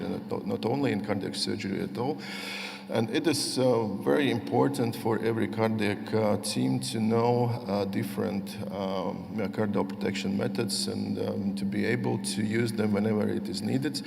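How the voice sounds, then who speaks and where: A middle-aged man from Latvia giving a conference lecture, speaking haltingly with many fillers and restarts. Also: lowish voice, vocal fry. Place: large conference hall. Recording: long hall reverb.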